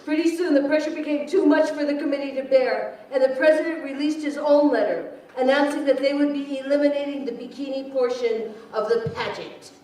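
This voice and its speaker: A wry grown daughter, played by a woman in a stage reading, with a fairly high, mellow voice and a conversational way of talking. It is picked up from afar in a very echoey hall. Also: steady tone, a little fast, hardly any pauses, slight background noise, close to an everyday voice. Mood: narrating. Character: Sharon, dry, wry grown daughter and schoolteacher. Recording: echoey hall, distant mic.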